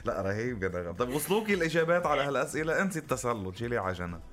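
A man's voice: mid-range voice, very animated, racing. A man hosting a morning radio show, joking with callers and laughing often. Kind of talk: lively radio banter.

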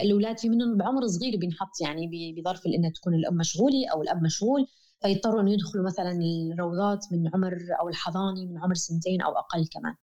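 A woman's voice: medium pitch, warm tone, highs cut off. A woman with a Levantine Arabic accent speaking as an interview guest, explaining reflectively in an earnest, emphatic way and repeating key phrases.

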